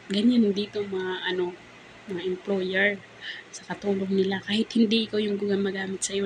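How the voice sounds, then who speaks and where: A woman's voice: mid-range voice, a little hiss or hum, poor audio. A woman from the Philippines, a live-in domestic helper, chatting casually at home and often laughing as she acts out what others said. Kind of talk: casual storytelling vlog. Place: employer's house, indoors.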